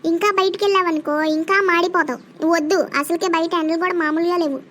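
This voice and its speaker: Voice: very high-pitched, fairly even intonation, quick pace, pushed and bright, a little hiss or hum. A scolding cartoon mother. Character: scolding Telugu mother, middle-aged, strict but caring. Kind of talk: animated comedy sketch.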